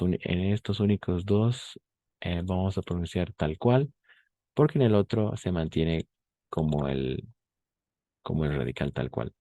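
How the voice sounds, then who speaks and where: A man teaching French grammar in an online class. He is patient and repeats the French examples slowly, checking in with short confirmations. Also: low-pitched, dark tone, no echo.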